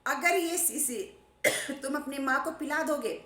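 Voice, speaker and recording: A woman playing a tired old father in a folk story, speaking calmly and confidingly to his grown children. Her voice stays close to her own, a little high, with a strong echo from the room. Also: unhurried. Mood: weary. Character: old father, weary and scheming.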